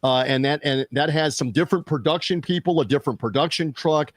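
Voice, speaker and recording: A man hosting a sports media podcast, chatting casually with fillers and quick restarts. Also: a little high, dry recording, studio quality. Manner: conversational, fillers and restarts, reads out show plugs.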